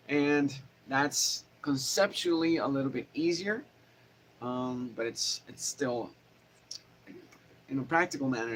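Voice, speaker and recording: A man talks through guitar theory in a loose, rambling way, often stopping to correct himself. His voice sits at an ordinary middle pitch. A faint noise hangs behind the recording. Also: a bit bright. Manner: rambling, self-correcting, chatty. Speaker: guitar teacher. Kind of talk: casual live-stream guitar lesson. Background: guitar playing.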